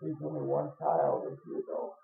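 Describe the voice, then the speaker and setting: A man's voice: a little high, flat delivery, moderate pace, gravelly. A man making dry, sarcastic remarks while commenting on a video game. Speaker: let's play co-host. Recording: tinny, echoey audio with music.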